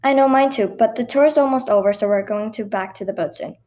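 A woman's voice: on the high side, fairly quick, dark tone, natural voice. A woman reading as a reassuring mom. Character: reassuring mother, patient.

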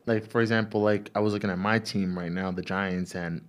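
A man with a fairly low voice chats about football, listing teams and playoff odds. He rambles and trips over his words, circling back to repeat points as he thinks aloud. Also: fairly even intonation, brisk. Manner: rambling, repeats himself, breaks down stats and picks. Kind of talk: casual sports chat.

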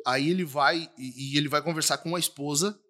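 A man's voice: a little high, a little fast, bright, forceful tone. A man, a pastor on a podcast, earnest and affirming as he states his points firmly. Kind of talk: casual podcast chat.

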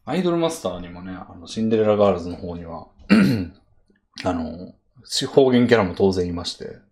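Lively low-voiced Kansai man. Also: moderate pace. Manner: enthusiastic, laughs often. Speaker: podcast host. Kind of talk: casual chat.

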